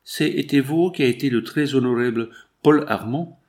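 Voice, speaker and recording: A man's voice: medium pitch, a little mellow, close to an everyday voice. A man voicing a polite ship steward who speaks broken French. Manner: halting, broken French phrasing.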